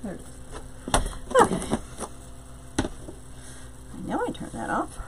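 A woman's voice: takes it slowly, slight background noise, rough recording. A middle-aged woman, hosting a casual craft live stream, bubbly and greeting viewers by name.

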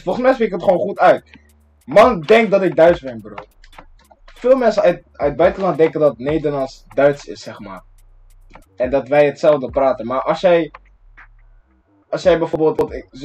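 A young Dutch gaming streamer gives excitable, slang-heavy gameplay commentary, breaking into sudden yelps and shouts. His voice is fairly high, and the sound is lo-fi.

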